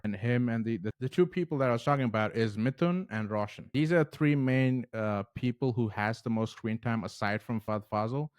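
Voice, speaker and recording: A man's voice: medium pitch, darkish tone, dry recording. Enthusiastic man reviewing a movie, dry close sound. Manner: enthusiastic, conversational. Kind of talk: casual movie review vlog.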